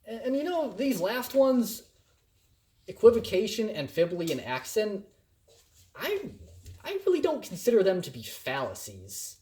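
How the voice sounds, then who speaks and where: Male lecturer, slow and deliberate, lively swooping pitch, playful classroom delivery. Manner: animated and playful, acting out examples in varied emphasis. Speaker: college instructor. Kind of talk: recorded lecture.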